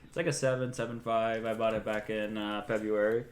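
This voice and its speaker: A man's voice: fairly low pitch, little pitch movement, brisk, roomy sound. A man hosting a casual chat, rambling with plenty of ums and likes. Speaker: host. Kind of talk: casual chat about comic collecting.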